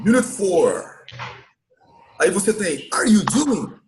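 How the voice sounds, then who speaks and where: A man with a Brazilian Portuguese accent teaching English in a live class, explaining patiently and repeating words slowly to model pronunciation. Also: sits high, big pitch swings, slight background noise. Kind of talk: live online class recap.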